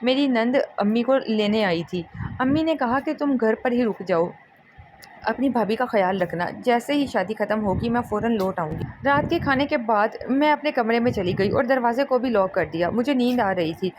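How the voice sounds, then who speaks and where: Female narrator, dramatic storytelling, higher register, noisy recording. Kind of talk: first-person story narration. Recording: steady background noise.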